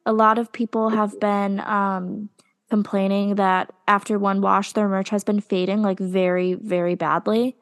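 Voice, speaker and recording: A young woman co-hosting a casual podcast chat, talking with lots of ums and pauses. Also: medium pitch, level tone, clear, resonant tone. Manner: chatty, hesitant with many ums. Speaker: podcast co-host.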